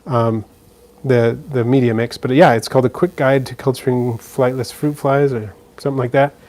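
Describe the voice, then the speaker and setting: Indoors beside a frog terrarium, a man casually answers viewer questions on a live stream, chatty and easygoing with many fillers and restarts. His mid-range voice is a little mellow, with fairly even intonation and a moderate pace.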